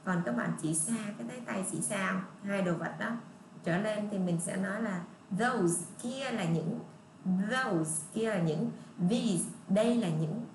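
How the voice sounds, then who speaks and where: In an online lesson on English pronunciation, a woman teacher with a Southern Vietnamese accent patiently explains words to young children. Her medium-pitched voice repeats model sentences slowly and in a drawn-out way, in an echoey room with faint ambient noise.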